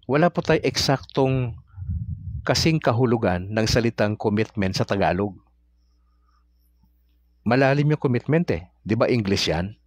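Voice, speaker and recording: A man's voice: mid-range voice, lively intonation, measured pace, long pauses, dry recording. A Filipino man teaching religion in a casual, conversational way, often asking his audience questions. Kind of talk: casual talk-style teaching.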